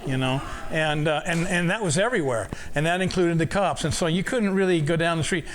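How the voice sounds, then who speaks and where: An older man who works as an audio engineer tells rambling stories about the studio in casual storytelling talk. His voice is fairly high and a little fast, with many restarts and repeated words.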